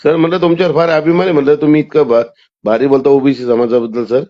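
Male caller, high voice, insistent and argumentative, dull phone-call sound. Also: level tone, fast. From Maharashtra, India. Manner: insistent, talks over the other man. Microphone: telephone line. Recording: muffled phone call audio.

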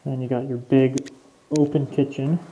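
A young man chats his way through an abandoned house, thinking out loud and laughing at what he finds. His voice is very dark and mellow, at an ordinary pitch for a man. Faint background hiss sits under the camera mic. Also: flat delivery, normal speed, muffled recording. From Canada. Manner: chatty, laughs easily, thinks aloud. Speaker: urban explorer host. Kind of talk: casual walkthrough narration. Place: empty abandoned house, indoors. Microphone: camera mic, wearing a respirator mask.

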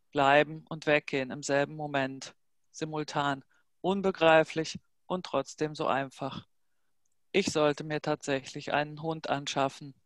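A woman reading a novel excerpt aloud in a measured, hushed, dramatic way. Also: low voice, no room sound. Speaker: reader of a translated novel excerpt. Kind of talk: literary reading.

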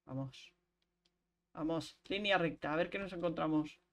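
Chatty streamer woman. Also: deep voice. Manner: chatty, talks to chat while playing, quick laughs. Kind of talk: casual gameplay chat.

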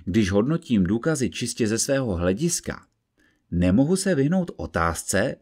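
A man voicing a calm, methodical investigator who explains his reasoning step by step in an audiobook reading. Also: mid-range voice, slightly rough. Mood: measured.

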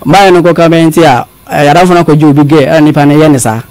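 Male guest from Ghana, halting storyteller, mixes English phrases, dry close sound. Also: on the high side, fairly even intonation, darkish tone, dry recording. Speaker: guest telling his story. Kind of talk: confessional storytelling.

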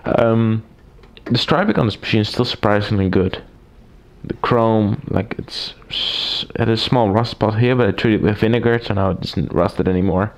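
A typewriter collector, still getting over a cold, gives a casual hands-on review of a machine at a desk in a small indoor room. His raspy, lowish voice moves at a moderate pace, rambling with frequent fillers and restarts, recorded by the camera mic while he stays off-camera.

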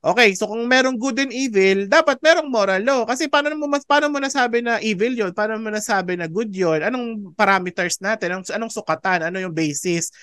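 Chatty teacher with a smooth, dry voice. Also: mid-range voice, brisk, hardly any pauses, a bit bright, dry recording. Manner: chatty, mixes English into Tagalog, asks "di ba?" often; laughs often between points. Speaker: theology teacher. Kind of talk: conversational online lecture. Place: online class over a video call. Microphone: video call microphone.

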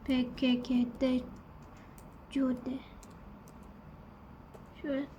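A woman's voice: sits high, level tone, slow, warm tone, slight background noise. A woman hosting a gaming channel, talking to her viewers in a fretful, rambling way as she plays. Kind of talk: casual gameplay commentary.

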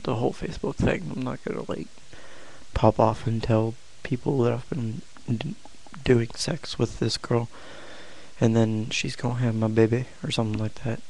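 A young adult man chatting casually to a vlog audience in a flat, low-energy, hesitant way with long pauses. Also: vocal fry, poor audio. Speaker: video blogger.

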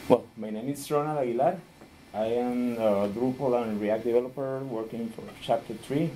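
A man's voice: mid-range voice, moderate pace, dark tone, a little hiss or hum, poor audio. Man giving a tech talk. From Costa Rica. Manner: friendly, laughs often, searches for words. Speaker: conference speaker.

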